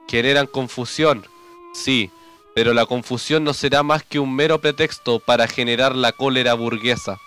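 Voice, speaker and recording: A man delivers scripted documentary narration with a measured, declamatory rhythm. He stresses each item as he runs through lists. Soft music plays faintly behind him. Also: medium pitch.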